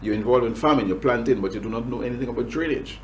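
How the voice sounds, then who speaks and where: A man's voice: medium pitch, racing, slight background noise, poor audio. A man with a Grenadian accent, a government agriculture official answering interview questions with many restarts and fillers.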